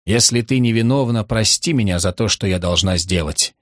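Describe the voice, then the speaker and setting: A man voicing a fanatical woman who speaks in a hollow, quiet way, in a dry audiobook recording. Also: on the low side, normal speed, dry recording, close to an everyday voice. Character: coldly fanatical woman with a torch.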